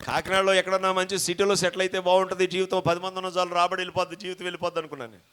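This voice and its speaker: A male pastor from Pradesh, preaching a sermon to a congregation in church. He moves from shouted peaks to quiet asides and keeps calling for praise and hallelujah. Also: high voice, completely flat delivery, racing, smooth. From coastal Andhra Pradesh, India. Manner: repeated calls for praise and hallelujah. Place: church before a live congregation.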